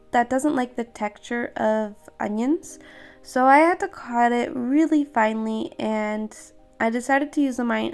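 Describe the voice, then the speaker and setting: A woman's voice: fairly high pitch, gravelly. A woman with a slightly scratchy, off-sounding throat gives a casual, chatty cooking voice-over, explaining each step without hurry. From Portugal. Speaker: home cook hosting a recipe vlog. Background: background music.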